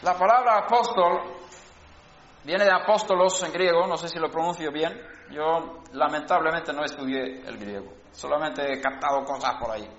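A man preaching with a high, bright-pitched voice, teaching patiently and often restarting his sentences before pressing into fervent calls. His sermon sounds roomy and reverberant, and the lo-fi recording dulls it. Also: steady tone, moderate pace. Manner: teaching and explaining words, with frequent restarts, building to fervent exhortation.

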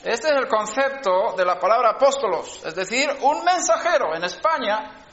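A man's voice: extremely high pitch, expressive, moderate pace, fairly bright tone. A man preaching a sermon, explaining word origins in a teaching manner with frequent restarts and rising to fervent exhortation. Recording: roomy, dull lo-fi sermon recording.

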